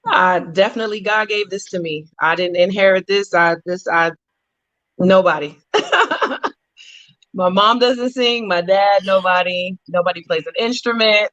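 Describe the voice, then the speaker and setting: A woman's voice: mid-range voice, unhurried, a bit bright, muffled recording. A woman from Georgia, a singer answering interview questions casually and playfully, laughing often. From United States, Georgia. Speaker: guest singer.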